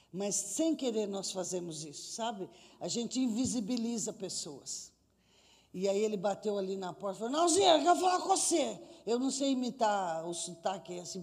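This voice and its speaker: A woman's voice: mid-range voice, husky. A woman preaching a sermon in a church, telling stories emphatically and calling out to the congregation. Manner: emphatic, animated, calls out to the congregation. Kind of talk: sermon with storytelling. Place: church sanctuary. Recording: long church hall reverb.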